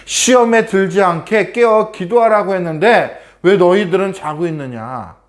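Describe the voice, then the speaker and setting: Jesus, a sorrowful adult teacher, raised and solemn, gently rebuking, as a man reads him in a children's Bible story. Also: sits high, normal speed, pitched above the performer's own voice, lightly acted.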